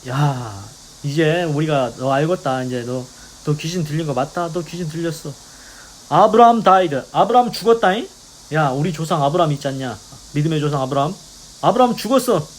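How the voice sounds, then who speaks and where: Male preacher acting angry scoffing accusers: loud, sharp, mocking. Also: fairly high pitch, fairly quick, slight background noise, natural voice, poor audio. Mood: scolding. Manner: shouting, scolding.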